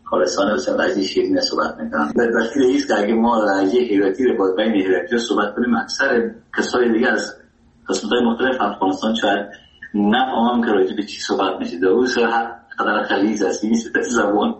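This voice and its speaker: A man with an Afghan Dari accent, a musician guest in a radio interview, talking warmly and rambling with many hesitations. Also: on the low side. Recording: distant, echoey, dull lo-fi line.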